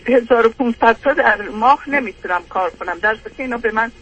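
A woman's voice: fairly high pitch, fairly bright tone, slightly rough, highs cut off. An older woman calling in, rambling through an aggrieved personal complaint with many hesitations.

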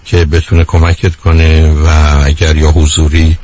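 A middle-aged man hosting a radio call-in show, gently reassuring a caller. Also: a bass voice, completely flat delivery. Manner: gentle, reassuring, affectionate address. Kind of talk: live radio call-in talk.

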